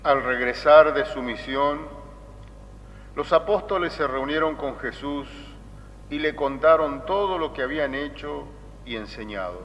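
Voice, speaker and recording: Slow-paced man reading scripture in cathedral echo. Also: a bit bright. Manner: measured, deliberate phrasing. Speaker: priest. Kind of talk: solemn liturgical Gospel reading. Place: large reverberant church. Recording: cathedral-like echo, muffled, noisy rumble.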